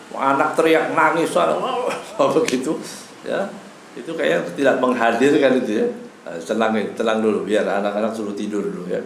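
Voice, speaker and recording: A man's voice: medium pitch, creaky. Man teaching in an echoey mosque. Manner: casual teaching sprinkled with Arabic phrases; acts out quoted voices with humor. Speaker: religious teacher. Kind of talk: evening mosque lecture. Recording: echoey hall, faint background noise.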